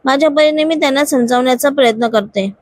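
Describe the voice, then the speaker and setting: A woman's voice: high-pitched, fast, a little mellow, lightly acted. A woman voicing a determined young female office worker who pleads earnestly for her friend. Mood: pleading.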